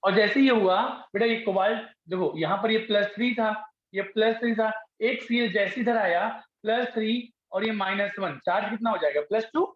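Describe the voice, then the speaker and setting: A man's voice: sits high, moderate pace. A male teacher giving a classroom lecture, coaxing students and repeating his questions to them. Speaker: chemistry teacher. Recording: echoey, dull classroom recording.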